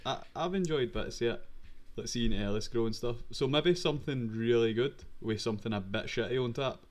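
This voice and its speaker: A Scottish man and young father, chatting casually on a podcast in an easygoing, joking way. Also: medium pitch. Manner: easygoing, jokey, quick to laugh. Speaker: podcast co-host. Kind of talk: casual chat.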